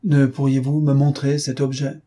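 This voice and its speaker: A man's voice: medium pitch, level tone, normal speed, dark tone, pitched above the performer's own voice, natural voice. A man reading an audiobook, voicing a shaken old male witness who hesitates and repeats himself. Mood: puzzled.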